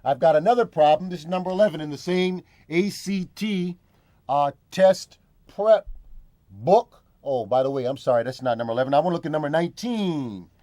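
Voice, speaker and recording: A man's voice: a little high, animated, fairly quick, dark tone, no room sound. A man hosting a call-in math lesson, upbeat and repeating phrases for emphasis.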